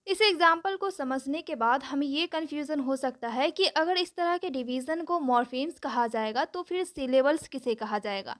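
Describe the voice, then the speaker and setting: High-voiced woman explaining a lesson. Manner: steady explaining, repeats points, some hesitations. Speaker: teacher.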